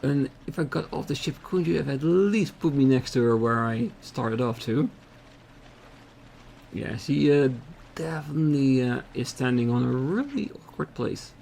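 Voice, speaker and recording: Gravelly man doing hesitant game commentary. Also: medium pitch, moderate pace, darkish tone, slight background noise. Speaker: let's play host. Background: game music.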